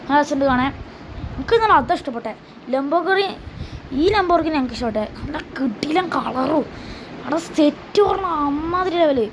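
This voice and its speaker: A woman's voice: high voice, noisy background. A woman hosting a gaming channel, chatting casually through her gameplay and often repeating herself. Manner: chatty, repeats herself, slangy address to viewers.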